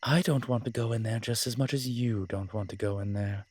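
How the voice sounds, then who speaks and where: In a roleplay audio drama, a man plays a wry, flirtatious immortal incubus demon, dry, teasing, and conversational, with a mood that's wry and stalling. His natural, husky voice is fairly low, steady, and darkish, and he talks fairly quickly.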